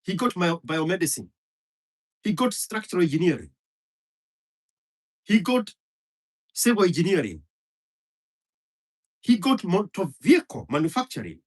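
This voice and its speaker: A Kenyan man who speaks Kikuyu delivers an impassioned, heated commentary full of profanity and hammering repetition. His voice is high with a breathy edge.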